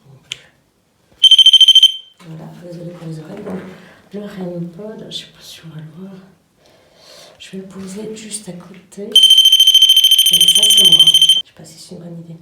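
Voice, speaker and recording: A woman's voice: fairly low pitch, normal speed, long pauses. A woman who investigates the paranormal, patiently and politely questioning a presence in the cellar of a derelict house. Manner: soft, patient, polite questioning with frequent thanks. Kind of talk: spirit-box session, questioning a presence. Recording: echoey cellar, distant mic, noisy background.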